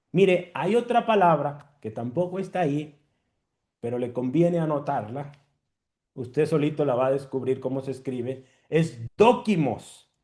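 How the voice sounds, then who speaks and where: A male preacher delivering a teaching sermon, repeating key words slowly and often checking in with the listeners. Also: fairly high pitch, darkish tone.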